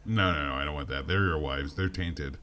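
A man playing an awkward, tipsy alien in improvised comedy chat, halting and rambling. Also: extremely low pitch, pushed and bright. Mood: awkward, reluctant.

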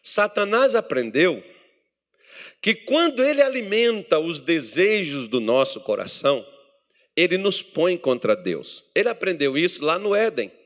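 A Brazilian man preaching a sermon to his congregation, joking with them between Bible readings and swinging from loud readings to low murmurs. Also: sing-song, unhurried. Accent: Brazilian Portuguese. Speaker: pastor. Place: church meeting hall.

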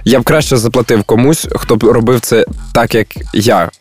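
A male blogger and speech teacher answers a radio host's questions in the studio. He sounds relaxed and candid, with a middling pitch, and soft music hums faintly behind him. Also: normal speed, breathy edge.

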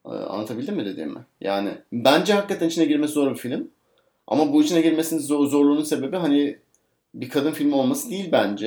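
Fast-talking man musing about films. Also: mid-range voice, darkish tone. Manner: hesitant, thinks aloud with many fillers. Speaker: podcast co-host. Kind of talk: casual film discussion.

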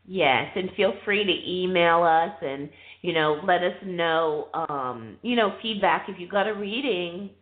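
Low-voiced woman on a tinny phone line. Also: expressive, measured pace, hardly any pauses. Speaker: radio show host taking callers. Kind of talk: casual call-in chat.

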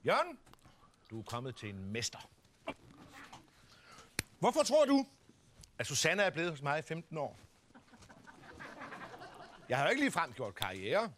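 A lazy, wisecracking middle-aged postman from a nineties sitcom. His voice sits high for a man and jumps around a lot. He talks in a wry, self-satisfied way. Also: wildly swooping pitch, pauses often, background noise. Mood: boastful. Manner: wry and boastful. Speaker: sitcom character. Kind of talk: 1990s sitcom acting.

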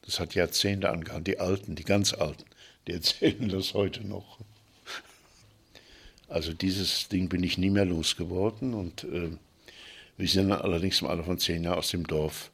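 Husky low-voiced older man reminiscing. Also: fairly even intonation, a bit bright. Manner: reflective, halting storyteller with pauses and restarts. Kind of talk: recounting childhood memories.

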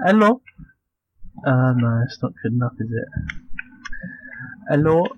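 A man's voice: medium pitch, completely flat delivery, quick pace, darkish tone, slightly rough, no echo, muffled recording. A man co-hosting a podcast, joking around, swearing and laughing a lot. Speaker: podcast co-host. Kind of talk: casual chat.

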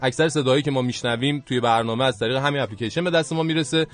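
A man hosting a radio show, chatting casually and joking with his co-host and callers. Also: mid-range voice. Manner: friendly, joking, quick back-and-forth. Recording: radio studio broadcast with faint music.

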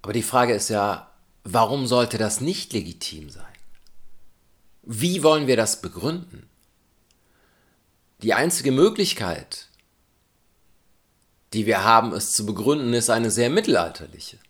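A man's voice: medium pitch, lively intonation, measured pace, long pauses, a bit bright. A man giving a reflective spoken essay in a thoughtful, questioning, argumentative way.

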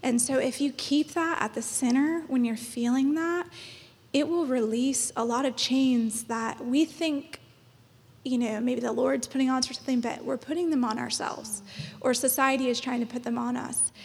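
Woman, 30s, high breathy voice, chatty encouraging panelist, long hall reverb. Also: fairly even intonation, moderate pace. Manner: chatty, encouraging, laughs often. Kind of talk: church panel talk.

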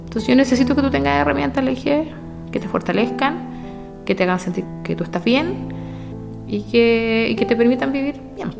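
Gravelly Chilean woman telling her story. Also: high-pitched, lively intonation, normal speed. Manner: emotional, retells dialogue at length. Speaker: interviewee. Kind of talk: personal storytelling. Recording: clear music playing behind.

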